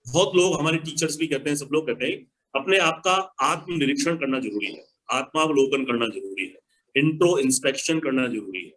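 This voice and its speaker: A man's voice: mid-range voice, animated, fairly quick, a bit bright, poor audio. A man giving motivational advice to an online audience, emphatic and repeating key phrases. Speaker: motivational speaker answering questions.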